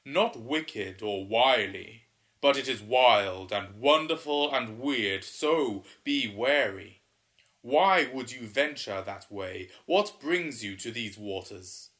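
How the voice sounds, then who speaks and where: A man voicing a grand old male water spirit in a storybook, who speaks loudly and slowly in stately pronouncements. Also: medium pitch, animated. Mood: solemn. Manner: loud, slow, stately pronouncements.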